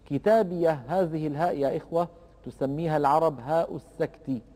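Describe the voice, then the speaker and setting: A man teaching a lesson on Quran recitation rules, explaining in a measured way and slowing down to recite examples. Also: fairly high pitch, warm tone, big-room sound.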